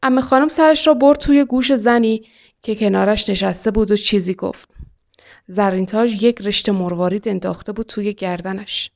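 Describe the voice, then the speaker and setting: Woman calmly reading her own story. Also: mid-range voice.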